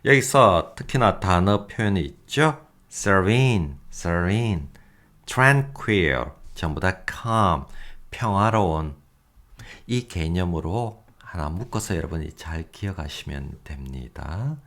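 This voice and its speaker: Lively low-voiced male English teacher. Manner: lively, self-mocking asides with chuckles; reads English examples slowly and deliberately. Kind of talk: recorded vocabulary lecture.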